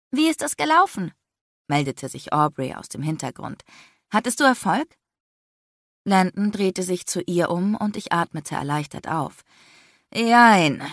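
Low-voiced female audiobook narrator. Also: no room sound, studio quality. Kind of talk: first-person audiobook reading.

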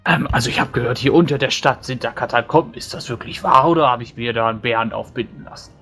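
A man's voice: medium pitch, quick pace, sharp tone. A grumbling male dwarf in a tabletop game, voiced by a man. He mutters fretfully and disapproves of how humans build. Faint music plays behind him. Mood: curious, appalled. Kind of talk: in-character tabletop role-play.

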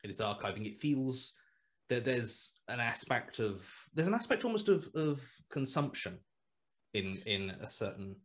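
A guest writer in his thirties, speaking through a headset on a casual video call interview from a small room at home. His medium-pitched voice is very animated and a bit bright, moving at a measured pace as he thinks aloud, full of fillers, restarts and hesitations.

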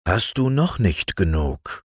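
A man voicing the kind old moon, who gently chides a greedy boy. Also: deep voice, big pitch swings, slow, breathy edge, dry recording, studio quality, exaggerated voice. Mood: mild. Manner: gentle, mildly chiding.

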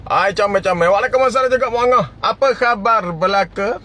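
A man with a raised, high voice hosts a relaxed live stream. He reads out viewer comments, greets people by name and laughs easily between remarks. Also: moderate pace.

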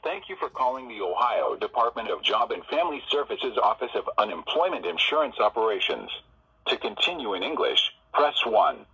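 A man's bright, husky voice plays back as a recorded phone message over a dull, lo-fi line. He reads menu options and notices in a measured, formal, instructive way. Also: on the low side, sing-song.

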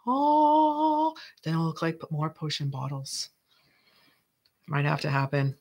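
Crafting host, from Canada, gravelly voice, middle pitch, playful, talks to self. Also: flat delivery, unhurried. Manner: chatty, talks to self while working; playful, jokey. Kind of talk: casual crafting narration.

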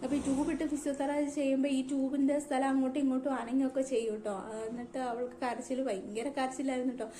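A woman's voice: high voice, flat delivery, rapid-fire, few pauses, mellow, reverberant, a little hiss or hum. A middle-aged woman tells her family's story to camera in an emotional way, often adding "you know". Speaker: vlogger, mother.

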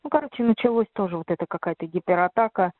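A woman's voice: fairly low pitch, lively intonation, very fast, no echo. A woman, sounding middle-aged, in a rambling, colloquial, casual chat over the telephone. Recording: tinny intercepted phone line.

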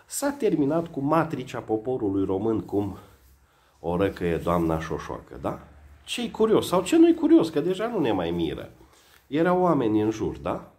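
A man giving satirical news commentary in a sarcastic, mocking way. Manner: sarcastic, mocking, lively swings in pitch. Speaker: satirical vlogger.

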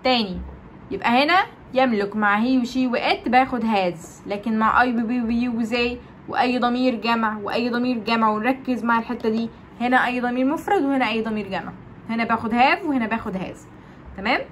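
A woman's voice: a little high, fairly quick, slight background noise. A woman with an Egyptian Arabic accent teaching English grammar. She asks the class questions, answers them herself and repeats the key points. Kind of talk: explaining grammar lesson.

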